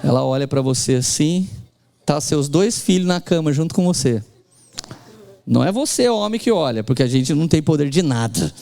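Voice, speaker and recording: A middle-aged pastor from Brazil preaches in a high, lively voice. He acts out the lines he quotes and has the congregation repeat after him. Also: normal speed, vocal fry. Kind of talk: sermon.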